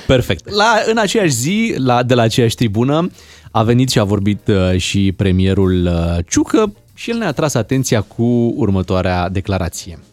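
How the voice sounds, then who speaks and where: A man hosting a casual studio chat, introducing clips with lively commentary. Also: mid-range voice, no room sound. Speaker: host.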